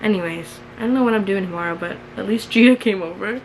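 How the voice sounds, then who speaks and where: A woman's voice: mid-range voice, quick pace. A young American woman in her early twenties reads her old diary aloud in a candid, mildly embarrassed way, with chatty, sweary, self-mocking commentary. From New York, United States. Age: early 20s. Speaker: vlogger. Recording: clearly noisy room ambience.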